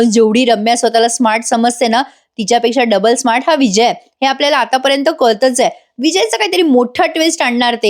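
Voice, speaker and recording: A woman giving a chatty voice-over recap of a TV serial, talking straight to her viewers and acting out the characters' lines. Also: a little high. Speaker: TV serial reviewer. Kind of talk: voice-over episode recap with acted dialogue.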